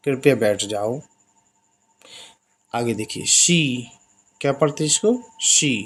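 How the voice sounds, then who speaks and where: A man teaching basic English in Hindi, explaining each example and repeating the phrases slowly. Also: mid-range voice. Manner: slow, drawn-out repetition of example phrases.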